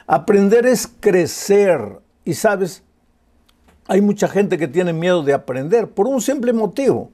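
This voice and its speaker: A man's voice: high voice, sing-song, unhurried, mellow. A male pastor preaching a sermon with passion, using rhetorical questions and repetition.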